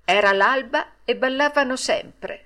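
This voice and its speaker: A woman reading a classic children's story aloud as an audiobook narrator, with slow, deliberate storytelling. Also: high voice, sharp tone. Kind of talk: scripted narration.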